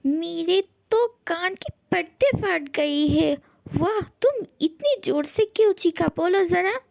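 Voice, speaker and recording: A woman's voice: very high voice, expressive, takes it slowly, gravelly, a little mellow, no room sound, full character voice. A woman doing a brash young male tenant. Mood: scolding. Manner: brash, scolding. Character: young man, new tenant, brash and jumpy. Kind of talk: fan audio story voice-over.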